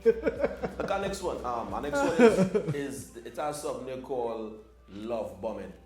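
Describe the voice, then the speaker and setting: A man's voice: medium pitch, unhurried. Brief: male podcast co-host, easygoing explainer, echoey room with faint music. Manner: relaxed, explains with little acted quotes. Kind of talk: casual podcast chat.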